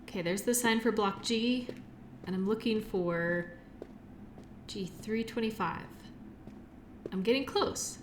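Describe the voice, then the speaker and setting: Lightly acted, this audio roleplay has a woman addressing the listener as a shy, awkward, kind-hearted medical worker, nervous and musing. She speaks at a medium pitch, slowly and with frequent pauses, in a hesitant, rambling, apologetic way, with slight background noise.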